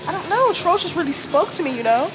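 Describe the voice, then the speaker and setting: A woman's voice: very high voice, very animated, quick pace, music in the background. A young woman chatting playfully in slangy casual talk as she vlogs while shopping, filmed on a handheld camera. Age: young adult. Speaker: vlogger. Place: busy clothing store and grocery store, indoors. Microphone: handheld camera at arm's length.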